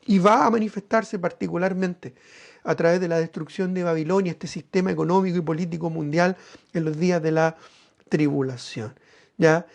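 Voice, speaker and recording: A male pastor, preaching a sermon and often checking in with his listeners through quick tag questions. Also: fairly high pitch, steady tone, gravelly. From Chile.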